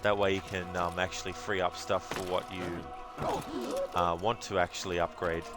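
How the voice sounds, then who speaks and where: Low-voiced male game commentator. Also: little pitch movement, moderate pace, over loud music. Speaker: gaming video commentator.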